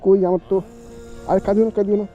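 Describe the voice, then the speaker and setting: Very high-voiced fast-talking man outdoors. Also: little pitch movement. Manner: gently coaxing, repeats himself. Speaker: vlog host. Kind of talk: casual roadside chat. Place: outdoors by a road, on a bike. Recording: dull lo-fi audio with music behind.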